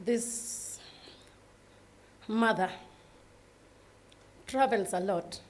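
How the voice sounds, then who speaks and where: A woman delivers a speech at her foundation's event while emotional and holding back tears. She speaks very slowly and haltingly, apologizing as she goes. Faint ambient noise sits behind her voice. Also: medium pitch.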